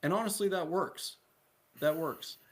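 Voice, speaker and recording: A man's voice: a little high, measured pace. A man speaking as a guest in a casual live discussion, earnest and persuasive, often checking in with "right?". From United States. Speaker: guest promoting a political DAO.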